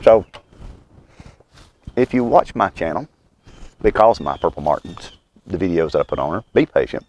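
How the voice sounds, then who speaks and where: A man in his mid fifties with a Southern US accent, chatting in a folksy, unhurried, wryly humorous way around a pipe as he hosts a rambling outdoor vlog. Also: deep voice, lively intonation, a little mellow, muffled recording. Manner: talks while puffing on a pipe. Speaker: host of a homestead and birdwatching channel. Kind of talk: rambling casual vlog chat.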